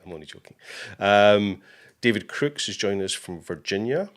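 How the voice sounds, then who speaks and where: Deep-voiced male live-show host. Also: animated, normal speed. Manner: casual, reads viewer comments aloud with fillers. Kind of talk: live-stream interview hosting.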